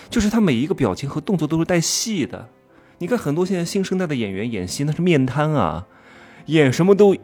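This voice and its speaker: A man giving an animated monologue lecture, firing rhetorical questions and stressing key words. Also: medium pitch, breathy edge. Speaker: commentator teaching expression.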